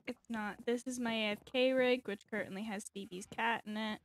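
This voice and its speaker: A woman's voice: on the high side, moderate pace, noisy background. Chatty woman with lisp-like S sounds. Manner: relaxed, chatty, with frequent ums. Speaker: channel host giving a game tour. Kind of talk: casual gaming chat.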